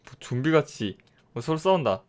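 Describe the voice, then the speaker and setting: A man's voice: on the high side, very animated, moderate pace, background noise. A young man giving casual, joking commentary while he plays and reviews a game mod, often talking to the characters on screen. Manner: chatty, jokes and talks to game characters, laughs often.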